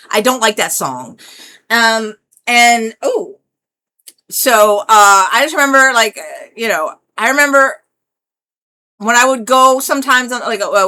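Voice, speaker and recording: A woman's voice: medium pitch, sharp tone. A woman, rambling through a brash, profane, casual vlog monologue. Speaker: vlogger.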